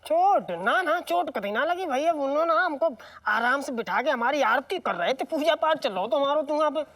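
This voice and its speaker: A woman's voice: sits high, expressive, brisk, fairly bright tone. A woman in a comedy serial speaking in a rustic, scolding way. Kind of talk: comic sitcom acting.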